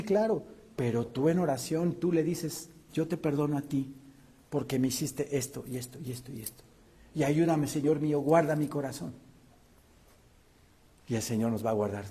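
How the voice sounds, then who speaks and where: A man preaching a sermon, his voice husky and dark, pitched a bit above the usual male range. He poses rhetorical questions to the congregation and swings from loud, pressing lines to hushed ones. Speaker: pastor.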